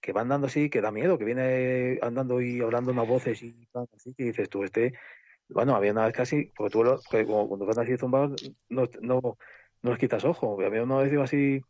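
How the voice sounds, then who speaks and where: A man's voice: medium pitch, a little fast, no room sound. A man with a Spanish accent telling rambling street anecdotes in casual chat, with restarts and swearing. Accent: Spain Spanish. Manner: rambling, animated storytelling with many restarts and swearing. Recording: slightly muffled dry recording.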